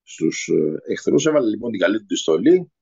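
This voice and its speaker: Male radio guest, husky and hesitant, low voice, lo-fi sound. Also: big pitch swings, warm tone. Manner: hesitant, many filler sounds. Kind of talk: unscripted radio conversation. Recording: lo-fi radio recording.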